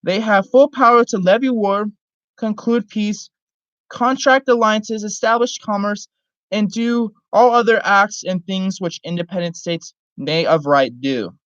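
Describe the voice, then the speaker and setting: A person giving a solemn, halting reading aloud of a formal historical document. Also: medium pitch, steady tone, fairly bright tone, no room sound. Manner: halting, stumbles over words and rereads them. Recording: dull lo-fi recording.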